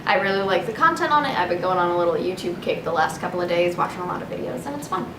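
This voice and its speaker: Very fast and expressive, a young host tears through news items on a casual show, layering on sarcastic, irreverent commentary and swearing. The mic is distant, and the room is echoey with a noticeable rumble underneath.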